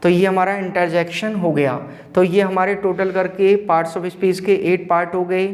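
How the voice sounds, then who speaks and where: A man teaching an online grammar lesson, explaining slowly and repeating key terms. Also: sits high, steady tone. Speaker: school teacher.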